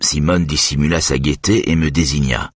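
A man narrating a novel in the first person, telling the story in a measured, expressive way. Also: very deep voice, slightly rough, no echo, studio quality. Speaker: audiobook narrator.

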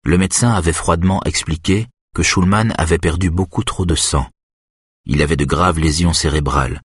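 A male audiobook narrator with an extremely deep, gravelly-husky voice, reading calmly. The recording is close and bone dry, with no room sound at all. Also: normal speed, dry recording. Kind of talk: scripted narration.

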